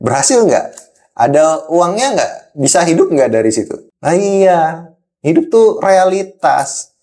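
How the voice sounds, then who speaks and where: A man's voice: on the high side, big pitch swings, a little slow, dark tone. A man from Java playing an angry boss who scolds and lectures a young employee in a role-played monologue, repeating points for emphasis. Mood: stern, scolding.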